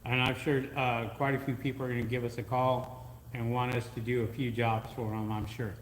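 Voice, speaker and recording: A man's voice: medium pitch, flat delivery, a little fast, reverberant, in a large hall, a little hiss or hum, rough recording. A man co-hosting a live podcast, easygoing and full of uhs, greeting viewers and reading their comments aloud. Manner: easygoing, filler-heavy with frequent uh. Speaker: podcast co-host.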